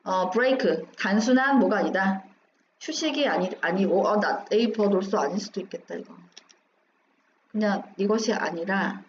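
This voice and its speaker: A woman teaching English, going through an exam passage line by line, asking questions and answering them herself. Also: medium pitch. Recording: dull roomy recording with faint hum.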